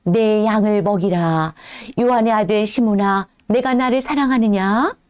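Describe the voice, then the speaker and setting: A woman voicing Jesus as a calm, solemn grown man in a children's Bible story, speaking slowly and gently. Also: mid-range voice, smooth, voice pushed down, close to an everyday voice. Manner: slow, gentle, grave speech.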